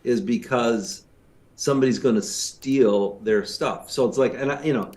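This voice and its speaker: A man co-hosting a business podcast, chatting casually with lots of fillers and quick agreeing replies. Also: mid-range voice, a little mellow. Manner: conversational, many fillers, affirming "yeah". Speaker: podcast co-host, consultant.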